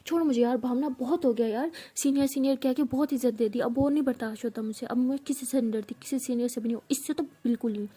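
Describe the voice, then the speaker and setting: A woman's voice: high-pitched, fairly even intonation, fast talker, hardly any pauses, warm tone, breathy edge. A woman voicing a defiant young female junior student, talking back in a cheeky, combative way. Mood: angry.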